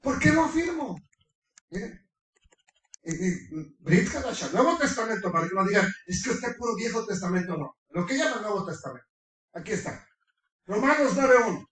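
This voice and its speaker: A man preaching a fervent sermon, quizzing his congregation and breaking into shouts. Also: high-pitched, sing-song, normal speed, pauses often. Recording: echoey room, far from the mic.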